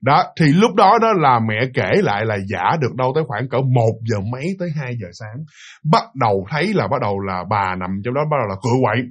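Quick, husky Southern Vietnamese storyteller. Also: male voice, mid-range voice. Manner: animated, repeats words for effect, addresses listeners directly. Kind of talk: spooky storytelling to an audience.

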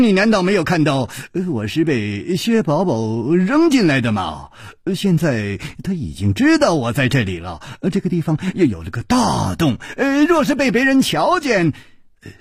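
A man's voice: a little high, huge pitch swings, normal speed, breathy edge, no room sound, studio quality, heavily acted. A man doing a stammering, flustered young hero. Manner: stammering, nervous, full of hesitant ums. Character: flustered young male swordsman, charming and embarrassed.

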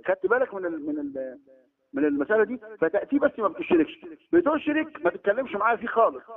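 A man with an Egyptian accent preaching a lesson, talking emphatically, acting out the stories he tells and slowing down for quotations. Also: sits high. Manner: animated, emphatic storytelling that slows for quotations. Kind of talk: sermon lesson in colloquial Egyptian Arabic. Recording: tinny phone-like lo-fi recording.

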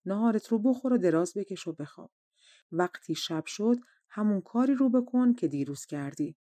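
A kind young wife in a storybook tale speaks softly to reassure her husband, read by a woman. The voice is warm and mellow, recorded close and dry. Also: mid-range voice, expressive, no echo, natural voice. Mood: soothing. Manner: soothing, reassuring.

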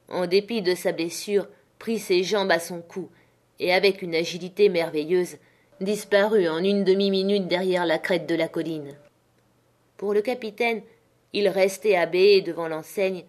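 A woman narrates a classic adventure novel in a steady, measured voice. Her pitch sits on the low side, and she reads with calm storytelling control. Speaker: audiobook reader. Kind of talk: scripted narration.

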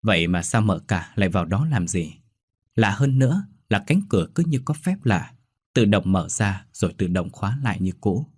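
A man narrating a ghost story in a measured storytelling manner. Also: fairly low pitch, expressive, breathy edge, no room sound.

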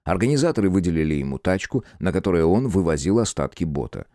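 A man narrating an audiobook in an even storytelling manner. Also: low-pitched, fast talker, dry recording, clean studio sound. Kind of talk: scripted narration.

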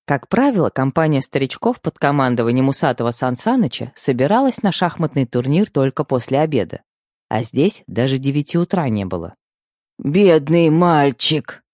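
A man narrating a first-person audiobook with expressive storytelling at a middle pitch. His intonation rises and falls in a lively way. The recording is dry and close, with no room echo. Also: fairly quick. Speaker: audiobook reader.

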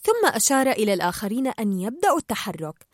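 A woman narrating a children's storybook aloud in an expressive, lively way. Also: a little high, very fast, no room sound, clean studio sound.

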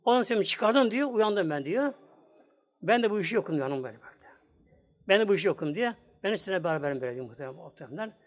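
A man preaches a sermon in a high, lively voice at a racing pace. He dramatizes his story by performing the voices of its characters and speaks directly to the congregation.

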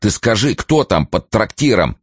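Man playing a steady older brother. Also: fairly low pitch, normal speed, breathy edge, no echo, clean studio sound, voice pushed up. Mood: reassuring. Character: concerned older brother, a doctor, calming. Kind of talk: audiobook character voice.

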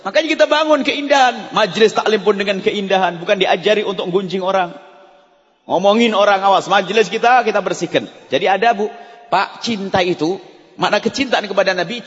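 High-voiced preacher in an echoing hall. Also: male voice. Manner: animated, acts out mock prayers and quoted voices; conversational, addresses the audience directly. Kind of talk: sermon. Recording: dull lo-fi recording with long hall reverb.

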